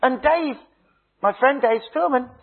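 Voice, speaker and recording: A man, a minister, preaching a sermon with a husky voice, slow emphatic phrases that drop to a hush, and humorous stories. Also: very high-pitched, animated. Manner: dramatic preaching, slow emphatic phrases dropping to hushed tones; humorous storytelling. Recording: tinny phone-like sound.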